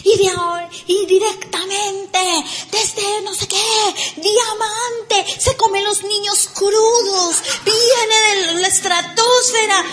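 A woman's voice: extremely high pitch, steady tone, takes it slowly, hardly any pauses, fairly bright tone, pitched above the performer's own voice, exaggerated voice. A woman voicing an over-the-top male event announcer hyping up a speaker. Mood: hyped. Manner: hyped, exaggerated introduction.

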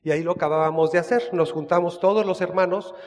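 Mexican man, high voice, chatty storyteller with restarts, long room reverb. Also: steady tone, quick pace, a little mellow. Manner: chatty, frequent restarts, asks listener asides. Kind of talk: casual personal storytelling.

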